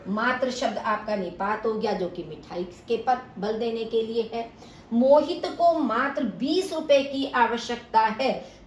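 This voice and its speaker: A woman teaching a grammar lesson for exam students, slow and deliberate, stressing each example word. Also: mid-range voice. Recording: echoey room, faint room noise.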